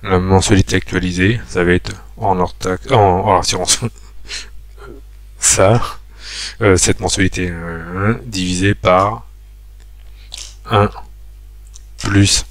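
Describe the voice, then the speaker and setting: A man records his screen for a spreadsheet tutorial, thinking aloud with lots of pauses and fillers while guiding viewers through every step. His voice sits low with fairly even intonation, and there's no room sound.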